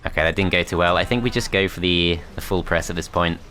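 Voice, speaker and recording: A man's voice: low voice, quick pace, sharp tone, soft background music. A man commentating his strategy game as he plays, thinking aloud in a tentative, self-critical way. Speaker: gameplay commentator.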